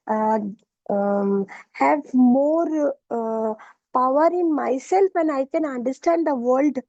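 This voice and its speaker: Hesitant high-voiced woman. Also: mellow, no echo, lo-fi sound. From Kolkata, India. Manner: hesitant, many filler sounds. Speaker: session participant. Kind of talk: asking a question on a call.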